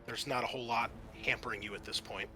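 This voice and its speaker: Over background music, a game master runs a tabletop roleplaying session, improvising narration and chatting casually to his players. His medium-pitched voice holds a steady tone and moves fast, sounding pushed and bright.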